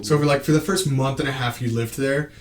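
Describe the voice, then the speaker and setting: A man's voice: medium pitch, steady tone, fairly quick, crowd noise. A young man co-hosting a podcast in casual, rambling chat with lots of fillers. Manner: laid-back, rambling with many fillers. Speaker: podcast co-host. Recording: echoey room with faint noise.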